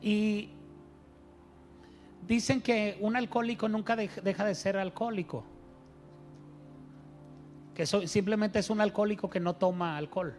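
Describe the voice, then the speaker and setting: A man's voice: sits high, fairly even intonation, a little slow, pauses often, a little mellow, faint music behind. A man preaching a sermon as pastor, telling stories and asking his congregation rhetorical questions.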